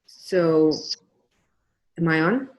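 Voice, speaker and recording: A woman's voice: low voice, drawn-out words, lo-fi sound. Woman on an echoing group voice call. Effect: echoing audio over a group voice call. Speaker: discussion circle participant. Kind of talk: group video call discussion.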